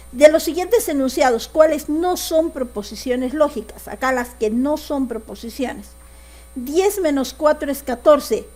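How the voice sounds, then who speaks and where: A woman's voice: on the high side, a little mellow. A woman teaching a secondary school logic lesson, often checking that the class follows. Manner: asks the class frequent check questions.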